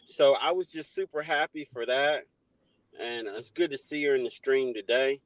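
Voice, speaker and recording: A man's voice: medium pitch, normal speed, a crowd in the background. A man hosting a livestream in a casual, chatty style. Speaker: livestream host.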